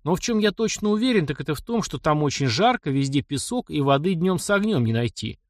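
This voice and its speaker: A man's voice: on the high side, animated, fast, no room sound, clean studio sound, voice pushed up, close to an everyday voice. A man voicing a practical young mechanic in an audiobook, blunt, wry and stubborn. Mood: firm. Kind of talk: audiobook character reading.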